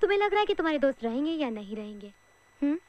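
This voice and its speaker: A woman's voice: sits high, very fast, dull audio. An actress playing an emotional young woman student who cares for her friend, in film dialogue. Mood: caring. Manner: animated, emotional.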